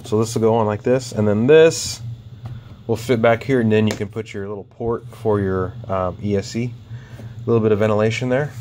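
A man's voice: fairly low pitch, fairly even intonation, moderate pace, a little mellow, a little hiss or hum. A man walking through a model airplane kit in a casual, rambling way with lots of ums, talking while he handles the parts. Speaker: RC hobbyist showing a flying wing kit. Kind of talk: casual hands-on walkaround.

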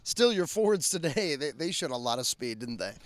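Sports interviewer asking long postgame questions. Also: male voice, a little high, big pitch swings, a little fast, no room sound. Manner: long, detailed questions with frequent "uh" fillers. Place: outdoor soccer field at night under floodlights. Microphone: handheld mic.

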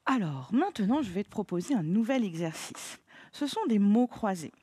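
A woman teaching a phonics lesson to children, patient and encouraging, spelling out sounds slowly. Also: medium pitch, big pitch swings, dark tone, slightly rough, no room sound, clean studio sound.

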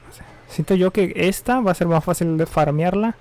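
A young man streams a game while chatting casually, rambling offhand with slang and correcting himself. His voice sits high and darkish, at a moderate pace.

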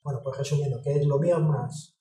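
A woman, talking in a casual interview. She speaks frankly, swears and gets animated when she tells stories. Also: a bass voice, fairly quick. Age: 50s. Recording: roomy, distant mic with music behind.

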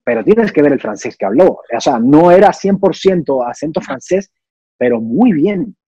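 A man's voice: fairly high pitch, very animated, normal speed, warm tone, husky, dry recording, muffled recording. A young man, an actor and singer, talking through ideas in a casual interview, thoughtful and full of restarts. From Cuba. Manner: thoughtful, explanatory, many restarts and fillers.

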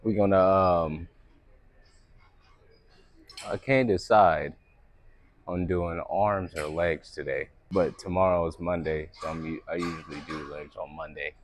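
A man's voice: sits low, fairly even intonation, a little slow, long pauses. A young man vlogging his workout in a large gym, joking and swearing casually, recorded on an earbud mic. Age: young adult. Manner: joking, profane, laid-back. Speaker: fitness vlogger.

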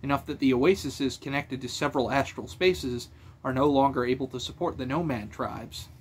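A man's voice: medium pitch, normal speed, slight background noise, close to an everyday voice. A man doing a blunt, dry woman adventurer. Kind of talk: audiobook character voice.

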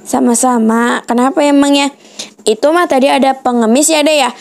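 A woman doing a calm, caring mom. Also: high voice, normal speed. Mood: motherly. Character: caring mother, gently scolding her children.

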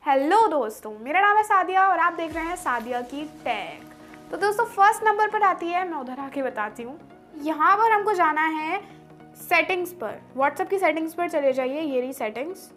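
A woman's voice: very high voice, animated, moderate pace, fairly bright tone, faint music behind. A young woman hosting a tech video, walking viewers through phone settings step by step in a friendly tone.

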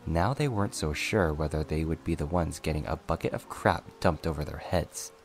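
A man narrating a story in a calm, soft ASMR reading. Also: extremely low pitch, moderate pace, creaky, soft background music. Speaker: audiobook reader.

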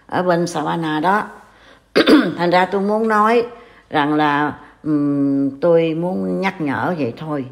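An older woman from Vietnam with a Southern Vietnamese accent, scolding and warning in a casual online talk. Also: low voice. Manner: scolding, reproachful. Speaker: commentator.

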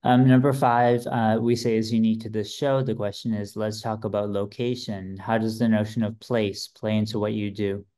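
A male podcast host with a low, mellow voice asks short numbered questions. He sounds a little distant from the microphone, his delivery brief and to the point. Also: flat delivery, normal speed, hardly any pauses. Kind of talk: interview questions.

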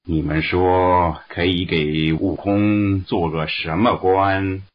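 A man voicing a stern male heavenly emperor who speaks slowly and deeply in a read-aloud story. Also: little pitch movement. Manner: slow, deep and measured. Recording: dull lo-fi recording.

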